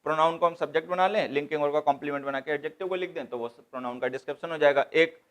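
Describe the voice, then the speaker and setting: A man teaching grammar in a slightly high voice. He breaks each rule down patiently and circles back to the main points. He lectures in the tone of a classroom. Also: rapid-fire. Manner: explains step by step, repeats key points, mixes English terms into Hindi.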